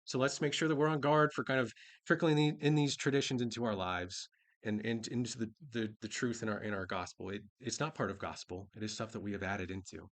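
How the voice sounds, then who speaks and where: A man preaching a sermon in a relaxed, informal way. He reads scripture passages and then retells them in everyday speech. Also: fairly low pitch, brisk. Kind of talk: casual conversational sermon.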